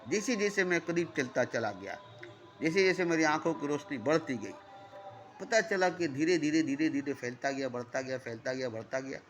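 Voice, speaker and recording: A man's voice: on the high side, moderate pace, faint music behind. A man delivering a spiritual sermon in repetitive, rhythmic phrases that rise and fall in emphasis. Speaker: spiritual teacher.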